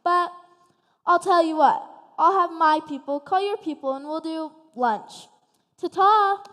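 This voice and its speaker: Woman doing a stuck-up diva princess, sassy and dramatic, high voice, hall echo. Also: unhurried, a bit bright. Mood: haughty. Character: vain diva fairy-tale princess, then complaining pig. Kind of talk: stage play performance. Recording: stage in a reverberant hall.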